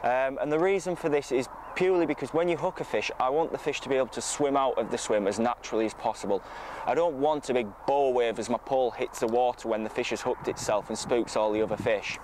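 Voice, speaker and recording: Fast-talking, in a mid-range voice, a male fishing coach runs through an informal, matter-of-fact tutorial to camera. The setting is a lakeside bank outdoors, with outdoor ambient noise in the background.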